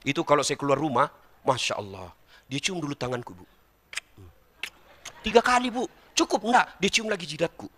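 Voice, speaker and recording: A man's voice: a little high, big pitch swings, normal speed, long pauses, fairly bright tone. A middle-aged man preaching a humorous sermon and teasing his audience directly with jokes.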